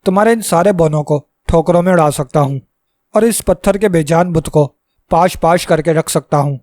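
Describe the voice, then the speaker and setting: A bold, boastful young hero, played by a male storyteller, tossing out menacing threats. His voice sits fairly high and is recorded close and dry. It comes across as a storybook read aloud. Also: a little mellow, dry recording, close to an everyday voice. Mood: mocking.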